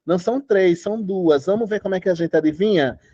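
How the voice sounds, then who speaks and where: A man's voice: high-pitched, fast talker, mellow, no echo, dull audio. A man teaching a Portuguese class online, chatty, quizzing students and singing out syllables. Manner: chatty, asks students questions, sings out syllables.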